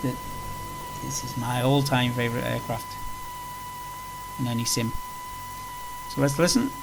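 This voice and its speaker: A man presents a flight simulator video, giving casual, unscripted tutorial commentary while he plays and explains, rambling in an easygoing way. His voice is medium-pitched, flat and a little slow, and the recording is clearly noisy with a background hum.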